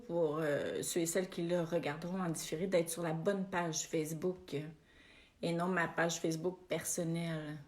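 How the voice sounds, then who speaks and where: A woman with a Québécois accent hosting a casual live stream from home, greeting viewers by name with frequent hesitations. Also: fairly low pitch. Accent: Québécois French. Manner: unhurried, warm-hearted greetings with frequent euh fillers.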